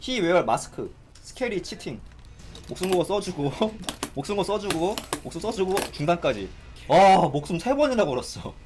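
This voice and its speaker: A man giving excitable live commentary on a fighting game, exclaiming and complaining as he plays. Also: high voice, normal speed, slight background noise. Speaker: gaming streamer.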